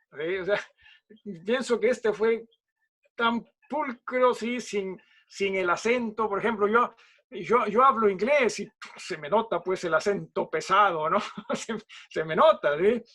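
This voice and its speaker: Man, Peruvian accent, pastor, Bible study teaching, chatty, keeps asking "¿sí?", high-pitched. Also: a bit bright. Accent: Peruvian Spanish. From Peru. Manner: chatty, asks "¿no?" and "¿sí?" after nearly every phrase, jokes.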